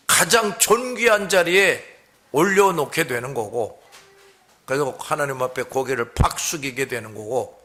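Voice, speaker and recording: A man's voice: high voice, bright, forceful tone. A middle-aged man pastor giving a folksy sermon on hymn lyrics, full of rhetorical questions.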